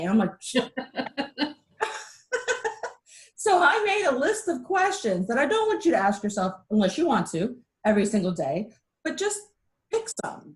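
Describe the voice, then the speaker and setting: A middle-aged woman giving a casual, chatty webinar presentation over a video call, animated and self-deprecating. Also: fairly high pitch.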